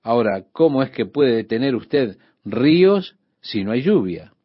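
A man's voice: mid-range voice, a little slow, husky, no room sound, dull audio. Man teaching a radio Bible study. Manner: addresses the listener directly; steady explanatory teaching.

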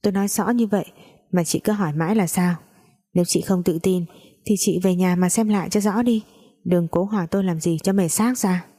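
A woman's voice: on the low side, a little fast, close to an everyday voice. Woman voices a self-assured young manager, cool and cutting; audiobook. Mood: cold. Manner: calm, cutting.

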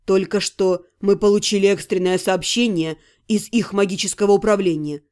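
A woman voicing a tender, protective male necromancer in an audiobook, speaking low, soft and soothing. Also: steady tone, normal speed, natural voice. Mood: gentle, soothing.

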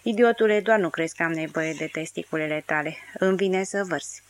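A woman's voice: deep voice, fairly even intonation, close to an everyday voice. A woman voicing a drunk, crude, hysterical young woman with coarse, mocking outbursts. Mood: shrill, crude.

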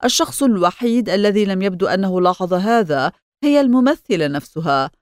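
A woman's voice: medium pitch, expressive, fairly quick, no echo. Woman narrating an audiobook, dry sound. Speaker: audiobook reader. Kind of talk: scripted narration.

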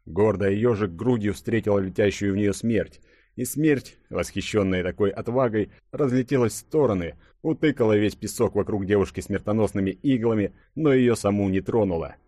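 Low-voiced male audiobook narrator. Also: mellow, no echo. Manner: dramatic, measured storytelling.

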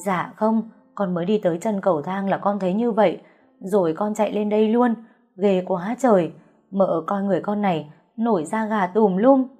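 A woman's voice: mid-range voice, moderate pace, mellow, faint music behind, lightly acted. A woman voicing a jittery young maid. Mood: frightened. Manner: breathless, fretful and talkative. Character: young frightened chatty housemaid girl.

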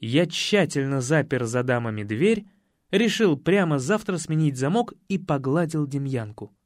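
A man narrating an audiobook in a lively, expressive reading. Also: fairly high pitch, normal speed, no echo, studio quality. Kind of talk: scripted narration.

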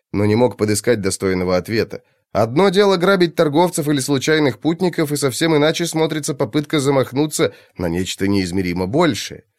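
A man narrating a fantasy audiobook in a measured, dramatic reading. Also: fairly high pitch, a little mellow, no echo, studio quality.

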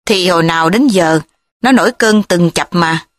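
Bà mẹ hiền trong truyện sách nói, nói nhẹ nhàng, ân cần, do một phụ nữ thể hiện. Âm thanh gần và khô. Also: female voice, on the low side, normal speed, no room sound, close to an everyday voice. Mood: tender, worried. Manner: coaxing, tender. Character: loving, fearful mother, soft and coaxing.

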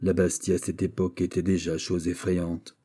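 A man reading a classic novel aloud in a measured, steady narration. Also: deep voice, husky. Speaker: audiobook narrator. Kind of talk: scripted narration.

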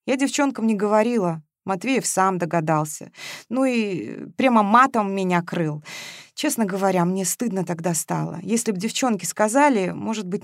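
A woman voicing a calm, sensible female friend who talks in a low, subdued, confiding way. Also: no room sound, studio quality, close to an everyday voice.

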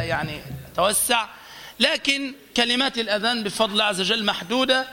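A man giving a religious lesson, explaining slowly and singing drawn-out example phrases. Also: sits high, gravelly, pushed and bright, long reverb tail, a little hiss or hum. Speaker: teacher of call to prayer pronunciation.

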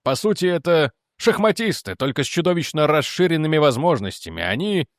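A male audiobook narrator reads a novel with an animated, wide-ranging voice set rather high for a man. The recording is close-miked and completely dry. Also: fairly quick, dry recording.

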